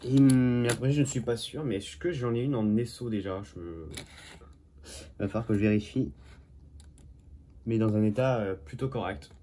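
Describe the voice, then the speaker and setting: A man's voice: mid-range voice, fairly even intonation, normal speed, pauses often, mellow, slight background noise. A man from Normandy chatting casually as he shows his finds from a flea market, correcting himself often and dropping jokey asides. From Normandy, France. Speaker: toy car collector. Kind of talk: casual show-and-tell commentary.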